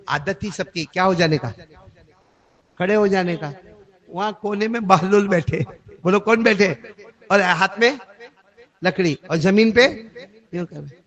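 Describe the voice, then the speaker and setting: A man preaching through a story, animated and calling on the audience to repeat after him. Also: a little high, dull audio. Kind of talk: storytelling sermon.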